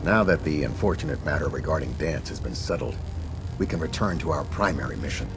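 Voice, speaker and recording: An actor playing a grave, disciplined, coolly ruthless military captain in a video game, briefing in a formal, authoritative way. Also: male voice, very deep voice, animated, fairly quick, gravelly, music in the background, full character voice. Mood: grave, resolute. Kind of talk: scripted video game dialogue.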